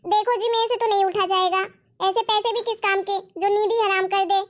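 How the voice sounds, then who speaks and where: A woman playing a selfish young daughter-in-law who talks fast and complains sharply. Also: extremely high pitch, steady tone. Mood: stubborn. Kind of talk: family drama acting.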